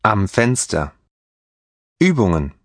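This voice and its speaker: A man reading scripted textbook dialogue for a language course with slow, careful enunciation. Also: fairly low pitch, sing-song, dry recording, studio quality.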